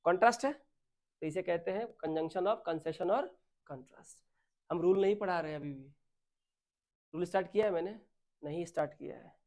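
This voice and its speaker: A man's voice: sits high, moderate pace, long pauses, darkish tone. Man teaching a grammar lesson. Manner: asks questions and answers them himself; mixes Hindi with English terms.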